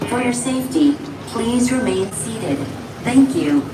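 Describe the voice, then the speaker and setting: A woman gives a calm, polite, scripted announcement as a recorded loudspeaker message on a theme park ride. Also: fairly high pitch, takes it slowly, over loud music. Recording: echoey loudspeaker from far off with loud ride noise.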